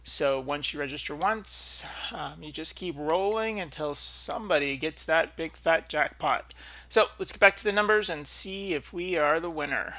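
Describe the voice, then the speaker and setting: A man hosting a video with casual, unscripted commentary, speaking haltingly and often clearing his throat. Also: fairly high pitch, sharp tone, a little hiss or hum. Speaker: video host.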